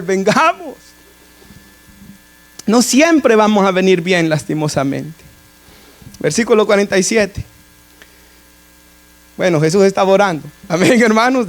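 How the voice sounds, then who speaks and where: A man preaching a conversational sermon in a church, often turning to address the congregation as brothers and adding asides. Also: high voice.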